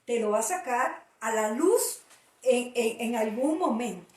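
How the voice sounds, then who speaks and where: Middle-aged woman pastor, high voice, emphatic preaching that drives points home by repetition. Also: animated, measured pace, a little mellow. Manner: emphatic, repeats key phrases. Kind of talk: preaching talk. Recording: roomy audio from a distant mic.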